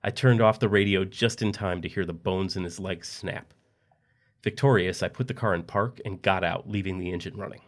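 Male narrator, low voice, steady scripted storytelling. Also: moderate pace.

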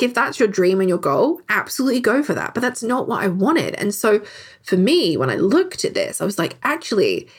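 A woman hosting a solo podcast, talking candidly and conversationally, swearing casually now and then. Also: on the low side. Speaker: podcast host. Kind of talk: reflective solo podcast talk.

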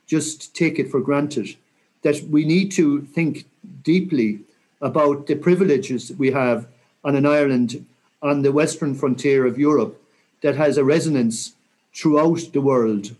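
Older guy w a west of ireland accent, mid pitch, measured and earnest, reflective interview answers. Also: darkish tone, poor audio. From County Mayo, Ireland. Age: 60s. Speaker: interview guest, senior military officer.

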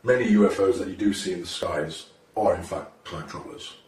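A man speaking through a voice-disguising effect that pitches him deeper, talking in a halting, hesitant way. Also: a little mellow. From Britain. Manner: halting, hesitant delivery with frequent pauses and fillers. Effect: voice disguised deeper by a pitch-shifting effect. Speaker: self-proclaimed time traveller in an online video. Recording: roomy, distant recording with faint background noise.

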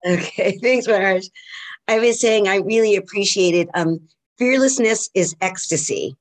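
A woman on a video call, talking hesitantly as a class participant with frequent pauses and fillers. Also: mid-range voice. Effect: heard over a video call. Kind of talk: casual chat.

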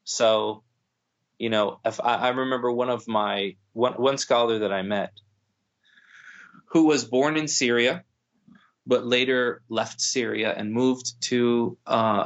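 A man's voice: mid-range voice, a bit bright. A man speaking thoughtfully in a podcast conversation, with many restarts and fillers. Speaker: guest speaking on Islam. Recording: dull lo-fi sound.

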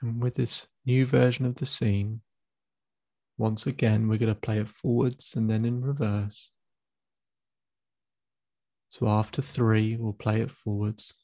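A man with a gravelly, mellow voice leads a guided visualization as a therapist. He speaks slowly and calmly, giving step-by-step cues and counting the listener in. The sound is close and dry. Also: fairly low pitch, dry recording. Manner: slow, calm, instructive pacing with counted cues. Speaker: therapist guiding a client.

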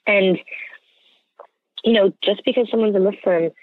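Speaking at a medium pitch and normal speed, an American interview guest explains his points earnestly and conversationally, often checking in with "right?". The recording has a narrow, tinny phone-line sound with no echo.

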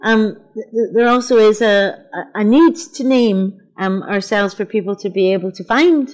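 A woman's voice: mid-range voice, moderate pace. Scottish woman hosting a live panel. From Scotland. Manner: thoughtful, laughs often, restarts words. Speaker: panel host at a literature festival. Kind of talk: live onstage conversation. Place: festival event before an audience.

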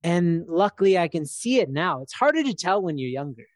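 A man's voice: fairly high pitch, sing-song, brisk, no echo, studio quality. A man in his thirties, co-hosting a podcast in casual chat, talking in a loose, reflective way with many fillers. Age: 30s. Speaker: podcast co-host.

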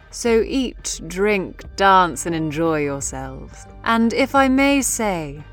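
A man voicing a gracious scheming empress. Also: sits high. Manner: regal, softly polished speech.

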